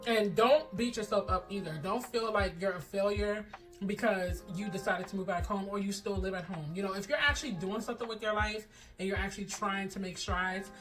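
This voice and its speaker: A young woman vlogger chatting casually in a slangy, animated way, telling personal stories and giving advice, often acting out dialogue. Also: mid-range voice, a little fast, recorded from a distance, faint music behind.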